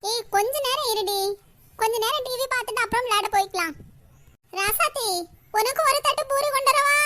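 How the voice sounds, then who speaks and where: A woman's voice: very high-pitched, brisk, pushed and bright. Fussy scolding old granny, voiced by a woman. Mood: coaxing. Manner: scolding, nagging, complaining about chores. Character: nagging old grandmother, short-tempered, fussy. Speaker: voice actor for a homemade cartoon. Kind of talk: comic cartoon voice acting.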